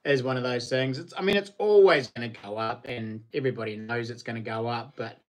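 A man's voice: medium pitch, brisk. Middle-aged man, broad Kiwi accent. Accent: broad New Zealand. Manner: laid-back, matey, slangy. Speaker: livestream host. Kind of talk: casual chat to live viewers. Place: living room at home.

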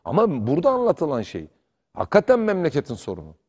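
Heated, animated male sports commentator. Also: fairly high pitch, quick pace. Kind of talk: studio sports talk.

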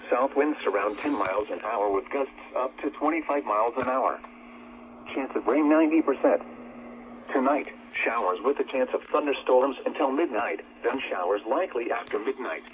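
An automated weather radio voice of a man reads scripted forecasts. The delivery is synthetic and measured, at a medium pitch. It comes out of a radio speaker in a room, with faint noise behind it. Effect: radio broadcast. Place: small cluttered room, played from a portable weather radio.

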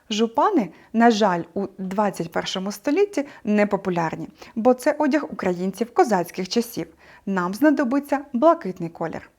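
A woman teacher presents a scripted video lesson in a clear, mid-pitched voice. She explains expressively and keeps turning to the students with rhetorical questions. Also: a little mellow.

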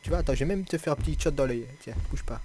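A man's voice: on the high side, very fast, dark tone. A man giving casual gameplay commentary, teasing the dinosaur he hunts, swearing and laughing often. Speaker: gaming YouTuber.

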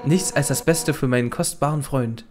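A man's voice: mid-range voice, normal speed, noisy background, natural voice. A man reading a brash fish warrior captain. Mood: reflective. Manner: boisterous, loud bursts, chuckling. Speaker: Let's Play gamer reading dialogue. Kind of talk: reading game dialogue aloud.

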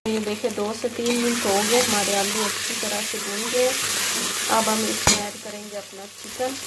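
A woman walks through a recipe in a plain, unhurried voice that stays level in pitch. Her phone recording picks up loud sizzling and stirring from a home kitchen. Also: steady tone. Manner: plain, unhurried instructional delivery. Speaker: cooking channel host. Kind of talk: step-by-step recipe voice-over. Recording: loud cooking noise behind voice.

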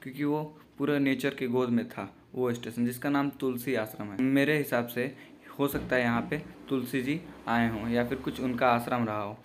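A man's voice: mid-range voice, fairly even intonation, moderate pace, a little hiss or hum. A young man narrating his train journey as a voice-over, in a casual, loosely worded way with restarts. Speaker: travel vlogger.

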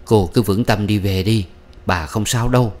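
A man's voice: on the low side, moderate pace, darkish tone, natural voice. A man reading aloud, voicing a firm, caring eldest brother who speaks in a commanding way.

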